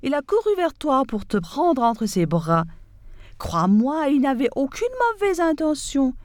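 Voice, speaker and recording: A woman's voice: on the high side, sing-song, takes it slowly, warm tone, no echo. A woman voicing a sly, scheming male fox from a fable, coaxing and persuasive in manner. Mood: smooth-talking.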